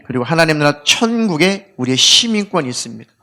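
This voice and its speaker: Lively, animated male pastor preaching. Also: a little high, brisk. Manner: lively, humorous preaching with acted inner voices; leads the congregation in call-and-response scripture reading. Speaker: senior pastor. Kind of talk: sermon. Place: church sanctuary.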